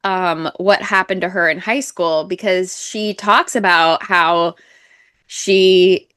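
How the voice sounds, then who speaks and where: A woman's voice: lowish voice, fairly even intonation, takes it slowly, fairly bright tone, clean tone, dry recording, clean studio sound. A woman co-hosting a podcast, chatting casually about books with fillers and frequent laughs. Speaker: podcast co-host. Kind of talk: casual book chat.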